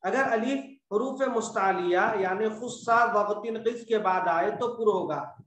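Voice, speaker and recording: A man teaching Quran recitation rules in a patient, repetitive classroom style, slowly stretching out the example words. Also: high-pitched, a bit bright, far from the mic, slight background noise. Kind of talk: classroom lesson on tajweed rules. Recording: echoey room, voice from off the mic.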